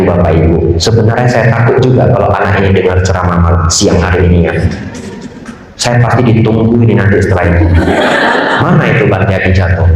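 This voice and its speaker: Animated male monk preaching in an echoey hall. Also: on the low side, a little hiss or hum. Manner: animated storytelling, often addressing the audience directly. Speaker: Buddhist monk. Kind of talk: sermon. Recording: very echoey, from far off.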